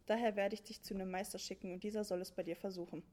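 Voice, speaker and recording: A woman's voice: medium pitch, fairly even intonation, racing, darkish tone, lightly acted. A woman voicing an angry count scolding his son in crude slang.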